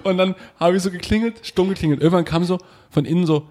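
A young man in casual chat, joking and animated, acting out quotes while telling a story. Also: sits high, fast talker.

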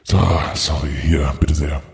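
A man playing a shady young customer who talks in slang, repeats himself and keeps pressing in a hushed, pushy way. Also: a bass voice, level tone, unhurried, long reverb tail.

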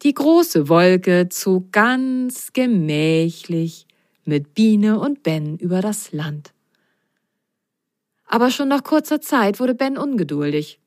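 Slow, expressive woman reading a bedtime story. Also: mid-range voice, no room sound, studio quality. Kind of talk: reading a children's story aloud.

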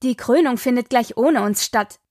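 A woman's voice: fairly high pitch, normal speed, no echo, studio quality, natural voice. A woman reading an audiobook, voicing a stern, disapproving grandmother. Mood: scolding. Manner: sharp, disapproving.

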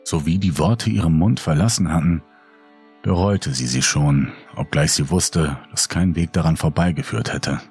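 Deep, husky male horror narrator. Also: soft background music. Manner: dark, measured storytelling.

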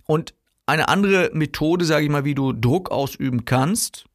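A man's voice: a little high, unhurried, dry recording, clean studio sound. A man coaching salespeople in a casual, chatty way, often acting out what customers and sellers say. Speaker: sales trainer.

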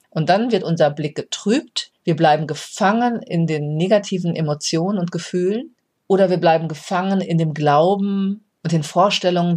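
A podcast host speaking straight to the listener in a reflective, explanatory monologue about resilience. The voice sits at a middle pitch and keeps an even, motivational tone.

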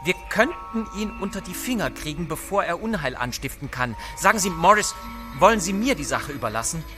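A man voicing a grim, resolute schemer who gives orders in a forceful, raised voice. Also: mid-range voice, normal speed, over music, lightly acted.

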